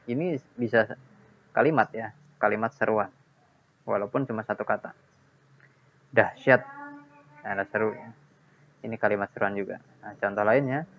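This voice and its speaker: A man teaching a grammar lesson, explaining patiently and repeating key points with checks like "ya" and "nah". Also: fairly low pitch. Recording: dull lo-fi sound.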